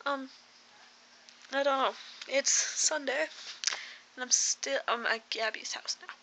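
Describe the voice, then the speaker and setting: A woman's voice: high voice, takes it slowly, pushed and bright. A teenage girl chatting to her webcam in a bubbly, rambling, playful way at a friend's house. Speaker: vlogger. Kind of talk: casual vlog chat to camera. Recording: noisy home recording.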